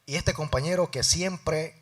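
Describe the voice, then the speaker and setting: Middle-aged male lay preacher, slightly high voice, animated anecdote-driven sermon with loud and hushed turns. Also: measured pace. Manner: storytelling, acting out both sides of dialogues; swings between loud emphasis and soft, low asides. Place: church.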